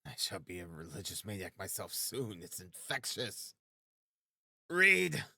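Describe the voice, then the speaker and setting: A man's voice: low voice, moderate pace, no room sound, clean studio sound. A man reading the lines of a feverish, irritable young man who speaks curtly and insistently. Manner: insistent, curt.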